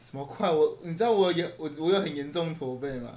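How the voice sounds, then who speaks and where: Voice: medium pitch, fast, darkish tone. A young person in their late teens with a Taiwanese Mandarin accent, co-hosting a podcast, joking and rambling with many repeated words. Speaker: podcast co-host. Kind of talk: casual chat. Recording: echoey room.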